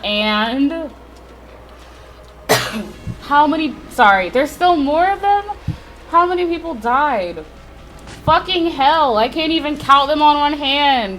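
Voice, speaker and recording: A woman's voice: sits high, a bit bright, slight background noise, poor audio. A young adult woman streaming a visual novel, reacting with blunt, profane, slangy exclamations and reading the text aloud.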